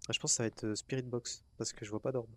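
A man's voice: medium pitch, little pitch movement, racing, a bit bright. Chatty man narrating his gameplay. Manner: chatty, talks to himself and to the ghost, swears casually. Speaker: gamer. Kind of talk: casual let's-play commentary.

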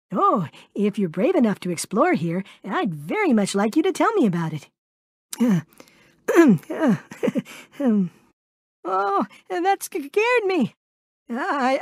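A man's voice: very high voice, no echo, clean studio sound, heavily acted. A man voicing a small, anxious, kindly piglet for a cartoon video game, stammering politely and hesitantly as he goes. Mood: nervous.

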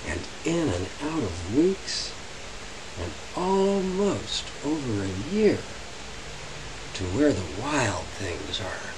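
A man reading a children's picture book aloud with dramatic, drawn-out phrasing. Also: medium pitch, sing-song. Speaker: storybook reader. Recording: hissy, noisy home recording.

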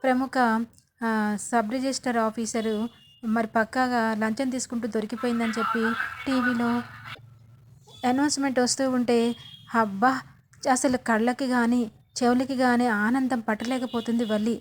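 A woman's voice: fairly high pitch, steady tone, moderate pace, pauses often, slight background noise. A woman casually retelling a TV serial episode, loose and repetitive, slipping into each character's lines herself. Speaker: serial recap narrator.

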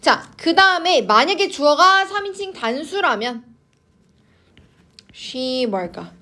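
A woman's voice: high-pitched, big pitch swings, slow pace, bright, forceful tone. A woman teaching an English grammar class, coaxing her students and checking in with them constantly. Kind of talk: online class lecture to students.

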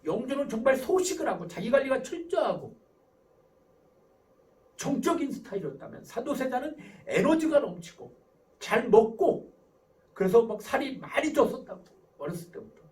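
A man's voice: very high-pitched, big pitch swings, normal speed, a little mellow, recorded from a distance, poor audio. A man lecturing to parents, asking questions and answering them himself. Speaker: professor giving a parenting lecture.

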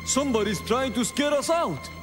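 A man's voice: extremely high pitch, animated, normal speed, music in the background. A man voicing a learned, cautious male mouse guide in a cartoon. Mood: explaining. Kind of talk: cartoon voice acting.

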